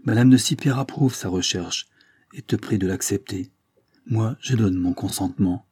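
A man's voice: fairly low pitch, normal speed, warm tone, slightly rough, no room sound, studio quality. A man voicing a grieving, stern aristocratic mother as he reads a classic novel aloud, solemn and pleading.

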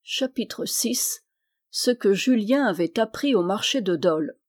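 A woman narrating a historical novel aloud in a steady audiobook reading. Her voice sits at a middling pitch, and she reads in a lively way, lifting it higher and louder when the villagers speak. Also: normal speed. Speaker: audiobook reader. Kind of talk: scripted narration.

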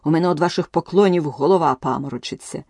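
A woman voicing a furious, tyrannical queen of a card kingdom who shrieks drawn-out, loud commands in a storybook reading. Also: low voice, husky, no room sound, clean studio sound.

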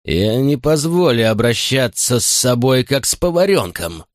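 A man voicing a sinister drunken butler who speaks very slowly, quietly and deliberately in a low voice. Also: sing-song, creaky, dry recording, studio quality, heavily acted. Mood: menacing. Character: sinister drunken male butler, slow and menacing.

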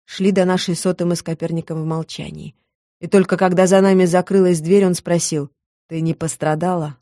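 A woman narrating a first-person audiobook story in a lively, expressive way. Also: fairly low pitch, fairly quick, no room sound, clean studio sound.

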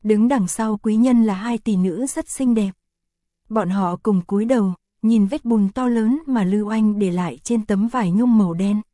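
Woman, audiobook narrator, steady scripted narration, mellow dark voice, dry close recording. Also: mid-range voice, normal speed, no room sound.

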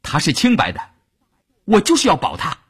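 A man voicing a proud, fiercely loyal young wife who talks back defiantly, with a husky voice. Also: lowish voice, huge pitch swings, moderate pace, exaggerated voice. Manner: defiant shouting.

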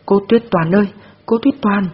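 A man's voice: sits high, normal speed, breathy edge, pitched above the performer's own voice. A man voicing a stubborn little girl who lies and cries, her voice strained and pleading. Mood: wailing. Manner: crying, pleading. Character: stubborn lying little girl, tearful and sly. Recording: dull lo-fi recording.

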